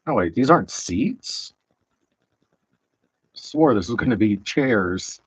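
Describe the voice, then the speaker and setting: A man with a Southern accent chatting casually while streaming, rambling and halting with lots of fillers, on a headset mic. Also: fairly low pitch, expressive, husky, no room sound, low-quality recording. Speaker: streamer building Lego. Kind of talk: casual live-stream chat.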